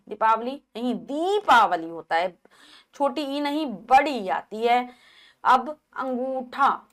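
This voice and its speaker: Slow-paced Indian woman teaching grammar. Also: sits high, fairly bright tone. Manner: explains slowly, repeats each word and corrects it. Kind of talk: classroom grammar lesson.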